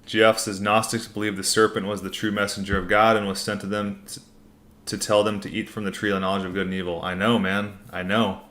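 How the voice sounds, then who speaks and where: A man's voice: fairly low pitch, little pitch movement, brisk, fairly bright tone. A man hosting a casual livestream Q&A, reading out comments and answering in a laid-back, informal, rambling way. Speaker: livestream host.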